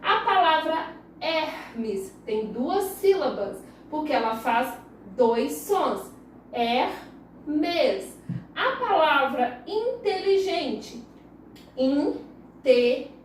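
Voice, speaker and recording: A primary school teacher with a Brazilian Portuguese accent gives a recorded lesson for young children, patiently drawing words out syllable by syllable. Her high voice is sing-song and slow. The room is very echoey, she is far from the mic, and there is slight background noise.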